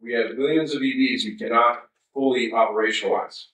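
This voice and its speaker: Man, 50s, keynote speaker at a podium; bright, forceful voice, wry and chatty; recorded far off in a reverberant hall. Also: mid-range voice, steady tone, fairly quick. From United States. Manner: conversational and wry, with asides to the audience. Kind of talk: conference keynote talk. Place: large darkened conference hall. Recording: roomy hall sound from a distance.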